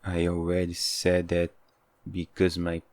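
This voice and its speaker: A man's voice: low-pitched, completely flat delivery, a little slow, darkish tone, dry recording, studio quality. A man playing an obsessive, hot-headed, possessive yandere lover with intense, pleading devotion in a dramatic audio role-play. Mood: grudging, weary.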